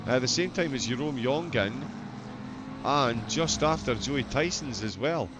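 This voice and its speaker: A man's voice: medium pitch, lively intonation, unhurried, background noise. A man with a broad Scottish accent giving live motorsport commentary in a wry, chatty, amused way. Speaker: sim racing livestream commentator.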